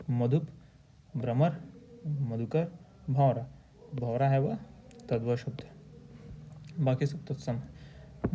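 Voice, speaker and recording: A male teacher going through exam questions, reading each answer option aloud slowly and then stating the correct one. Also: mid-range voice, dark tone, slight background noise. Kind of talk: exam question walkthrough lecture.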